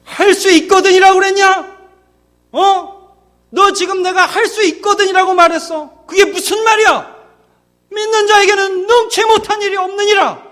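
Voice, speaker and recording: A man voicing Jesus as a stern figure who scolds a doubting father with loud, rebuking questions. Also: extremely high pitch, steady tone, moderate pace, voice pushed up. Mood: scolding.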